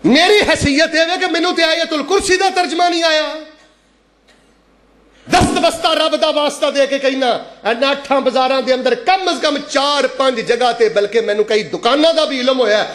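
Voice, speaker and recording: A man's voice: very high-pitched, brisk, fairly bright tone, reverberant. A man preaching a Friday sermon, calling on the congregation to repeat after him and chanting verses in a sweeping, rising and falling voice.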